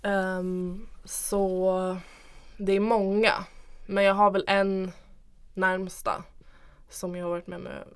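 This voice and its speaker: A woman's voice: medium pitch, flat delivery, smooth. A young woman speaking reflectively and informally as an interview guest in a candid personal conversation. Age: young adult.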